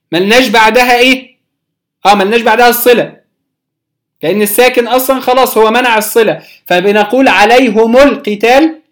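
A teacher with an Egyptian accent giving a Quran recitation lesson, patiently explaining and drawing out each recited example word slowly. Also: medium pitch, a bit bright. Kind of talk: recorded religious lesson.

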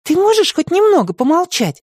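A man's voice: very high voice, very animated, no room sound, clean studio sound, pitched above the performer's own voice. A man voicing a feisty young girl who talks sharply and bossily in a storybook reading. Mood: bossy. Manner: sharp, bossy, quick-tempered.

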